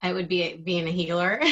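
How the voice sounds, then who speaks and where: A woman's voice: on the low side, bright, forceful tone, muffled recording. A middle-aged woman giving casual, informal interview answers, with hesitant phrasing and thoughts that trail off. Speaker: interviewee, digital marketing team member.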